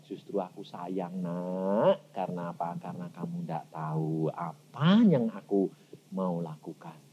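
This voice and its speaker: A man voicing God as a gentle, tender father speaking softly. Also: unhurried, muffled recording, a little hiss or hum. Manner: soft, low, tender.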